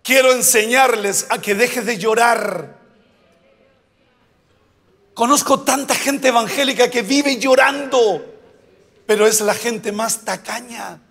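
A male pastor preaching a sermon, asking the congregation questions and shouting out the key words. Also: extremely high pitch, vocal fry, breathy edge, in a large hall.

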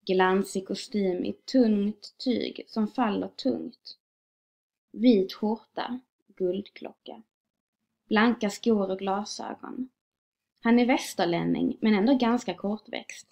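A woman reading a short story aloud in a calm, measured way. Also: mid-range voice, vocal fry. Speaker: reader. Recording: dull lo-fi recording.

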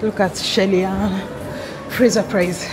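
A woman's voice: medium pitch, fairly even intonation, slow pace, over music, poor audio. A woman in her thirties with a Kenyan accent chatting casually and upbeat as a travel vlogger. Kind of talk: casual vlog chat. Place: in a moving car and busy airport halls. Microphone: handheld camera at arm's length. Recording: loud car and airport ambience noise.

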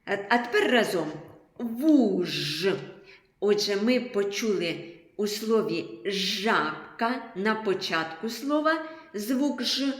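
Slow, patient woman teacher in echoey room. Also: mid-range voice, expressive. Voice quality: slow, sing-song teacher voice drawing out sounds. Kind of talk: preschool literacy lesson.

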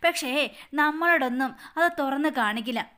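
A woman's voice: sits high, normal speed, pushed and bright. Woman voicing Mahadevan, a coaxing family elder. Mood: reassuring. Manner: coaxing, reassuring. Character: middle-aged man, confident family elder.

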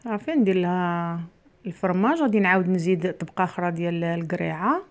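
A middle-aged Moroccan woman talks her viewers through a recipe in a relaxed, chatty way. She keeps calling them "girls" and adds asides as she works. She is recorded in her home kitchen on a camera set on the counter. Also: lowish voice. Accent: Moroccan Arabic. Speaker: cooking channel host. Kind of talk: casual cooking vlog chat. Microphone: camera near the worktop, speaker mostly off frame.

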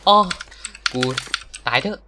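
Against a noisy background, a male gaming streamer speaks at a slow pace, joking around with his viewers about the game. His commentary is casual and playful, and he swears often.

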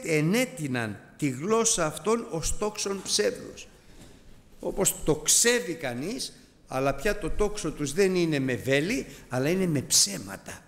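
Greek man preaching in an echoing hall. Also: fairly high pitch. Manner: earnest, emphatic, addresses listeners as brothers. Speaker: Bible teacher. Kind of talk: Bible study sermon.

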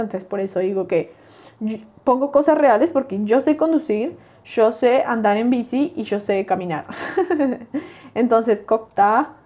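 A woman's voice: on the high side, warm tone, dull audio. A young woman casually talking through her language study notes, often checking in with listeners. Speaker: language-learning vlogger.

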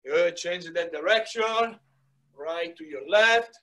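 In a small indoor room lined with wood panelling, a middle-aged man coaches soccer fitness live, repeating brief commands and cheering people on. His pitch sits fairly high, his tone is bright and forceful, and his delivery is slow. The recording comes from a device microphone several metres off.

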